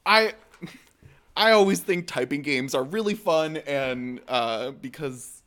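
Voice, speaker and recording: A laid-back man with a slightly raised voice, co-hosting a casual podcast. He jokes easily and tosses in quick asides and nerdy references. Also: fairly high pitch, a bit bright. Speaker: podcast co-host. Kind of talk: casual chat.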